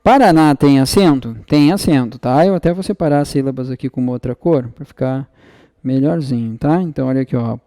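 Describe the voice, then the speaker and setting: Man, exam-prep teacher, mellow, smooth, step-by-step explaining. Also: medium pitch, a little fast, no room sound, studio quality. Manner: explains step by step, checks in with frequent tag questions; acts out student questions and answers them. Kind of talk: online lesson.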